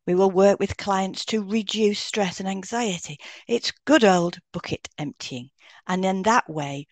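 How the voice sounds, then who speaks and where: A woman with a lowish voice co-hosts an educational podcast and works as a hypnotherapist, taking turns reading scripted explanations aloud in an instructive manner. The recording has no room sound.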